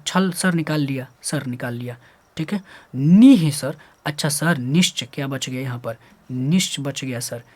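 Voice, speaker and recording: A man teaching grammar, explaining step by step, often checking whether students follow and voicing their questions himself. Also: fairly high pitch. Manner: animated, repeats "clear?" and "sir", acts out student questions. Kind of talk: classroom lesson, explaining step by step.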